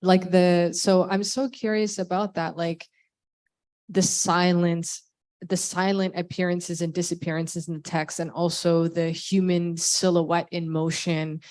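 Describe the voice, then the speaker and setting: Low, flat-voiced woman interviewer. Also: measured pace. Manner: searching, loose phrasing with many asides. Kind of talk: salon conversation.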